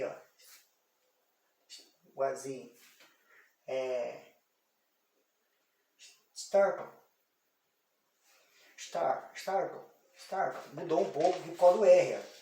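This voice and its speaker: A man from Brazil teaching English pronunciation in an online lesson, slowly drilling words over and over with many fillers. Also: a little high, vocal fry, warm tone. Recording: echoey room, voice far from mic, faint noise.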